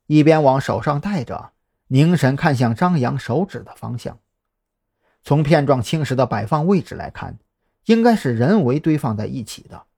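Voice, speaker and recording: A man narrating a serialized suspense novel in an expressive, suspense-building storytelling manner. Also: a little high, slightly rough. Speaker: audiobook narrator.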